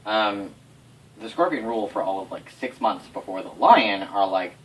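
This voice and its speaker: Picked up by a distant mic in a noisy room, a man recounts game lore to his players at a normal speed in a fairly low voice. The telling is loose and off the cuff, full of swearing, animation and dramatic stress on words.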